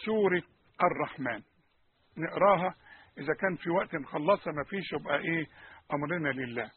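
A man with an Egyptian Arabic accent teaching Quranic pronunciation, repeating sounds and questioning his listeners in an animated way. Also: on the high side, a little fast, slightly rough, phone-quality sound.

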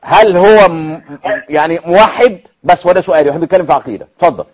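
A man's voice: on the high side, highs cut off. A man with an Egyptian Arabic accent hosting a studio debate show, questioning a caller and cutting in often. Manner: fast, animated, interrupting. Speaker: TV talk show host. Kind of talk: heated religious debate.

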